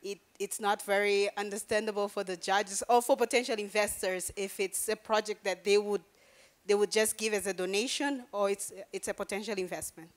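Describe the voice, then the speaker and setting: A woman's voice: medium pitch, fairly even intonation, brisk. A woman giving matter-of-fact feedback as a judge. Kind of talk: panel feedback.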